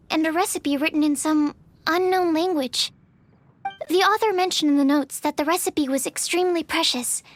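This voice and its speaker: A woman voicing Sucrose, a shy, earnest young alchemist in a video game, who speaks politely and hesitantly. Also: very high voice.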